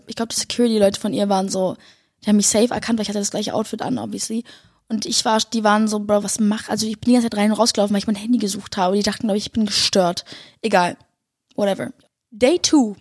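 A young woman, a singer and vlogger, excitedly tells her viewers a story in German, breathless and gushing, sprinkling in English slang. Her medium-pitched voice comes through clean studio sound with no echo.

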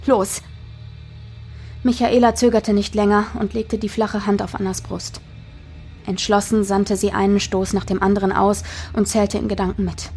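A woman's voice: mid-range voice, level tone, moderate pace, a little mellow, faint music behind. A woman narrating a dramatic audiobook in a tense storytelling manner.

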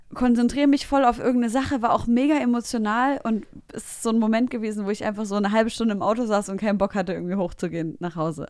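A woman in a casual podcast chat, telling lively stories in slangy everyday talk. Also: a little high, dry recording, studio quality.

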